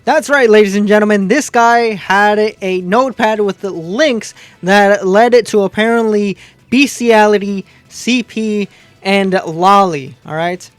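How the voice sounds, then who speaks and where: A man's voice: high voice, measured pace, dry recording, faint music behind. A man hosting a casual online news commentary show, laid-back and sarcastic in tone.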